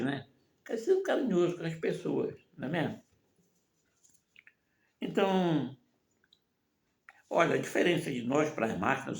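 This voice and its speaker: An older man talks in a rambling, folksy way and keeps tossing in little questions to his listeners. His voice is gravelly and sits a bit high for a man. He is recorded in an echoey room. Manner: rambling, keeps asking "né?" and "não é mesmo?"; folksy, moralizing. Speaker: vlogger. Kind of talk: casual advice monologue.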